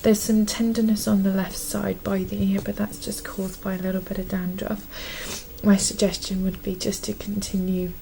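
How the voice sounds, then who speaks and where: Gentle, calm woman in soft-spoken nurse role-play, creaky. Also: medium pitch, moderate pace, hardly any pauses, slight background noise, low-quality recording. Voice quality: soft, breathy half-soft voice. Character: gentle calm nurse doing a scalp check. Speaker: ASMR performer playing a nurse.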